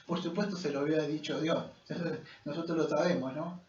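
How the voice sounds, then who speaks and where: A man preaching in church, pushing hard on key words and filling pauses with "eh". His voice sits high and lively. The sound is dull and distant, with a roomy echo around it. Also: a little hiss or hum. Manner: preaching with emphatic rises and many fillers. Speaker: pastor. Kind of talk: sermon.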